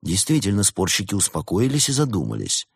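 A man narrating a story as an audiobook in a lively storytelling manner. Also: lowish voice, brisk, creaky, breathy edge, no echo, clean studio sound.

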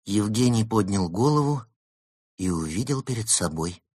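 A man narrating a children's story in an expressive audiobook reading. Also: fairly low pitch, moderate pace, breathy edge, no echo, clean studio sound.

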